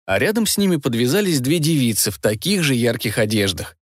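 Man, audiobook narrator, comic fairy tale, wry, expressive, middle pitch, dry studio sound. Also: a little fast, no room sound.

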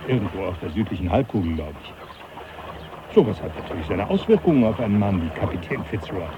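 Jovial, swooping Professor Henslow. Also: male voice, fairly low pitch, fairly quick. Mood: jovial, explaining. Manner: chuckling, animated, patronising. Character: jovial, teasing older professor, brandy-loving and avuncular. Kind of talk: German radio drama acting. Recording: dull radio drama, loud background noise.

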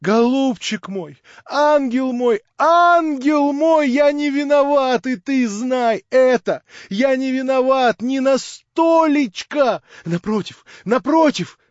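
A man voicing an excitable, eager young man who pleads in high, loud exclamations. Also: moderate pace, dry recording. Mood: ecstatic pleading. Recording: dull dry lo-fi recording.

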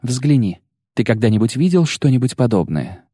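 A man's voice: medium pitch, big pitch swings, moderate pace, mellow, husky, dry recording, studio quality. A man voicing a sly, sensual young sorceress in an audiobook reading, teasing, coaxing and self-assured.

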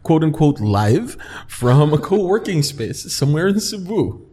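A man's voice: on the high side, very animated, unhurried, mellow, breathy edge. A man hosting a casual group chat on a podcast. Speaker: podcast host. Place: co-working space, indoors.

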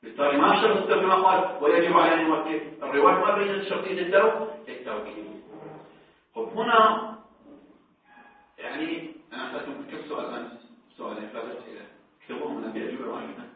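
A man's voice: a little high, expressive, racing, long pauses. A man teaching a seminary lecture on religious law, questioning his students and repeating words for emphasis. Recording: distant, echoey, phone-like.

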